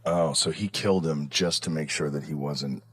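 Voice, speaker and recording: A man with a deep, low voice hosting a podcast. He keeps things casual, chiming in with quick questions and short nods of agreement. The close studio mic gives a dry sound. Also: breathy edge, no room sound. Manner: reactive, short questions and affirmations. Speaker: podcast host.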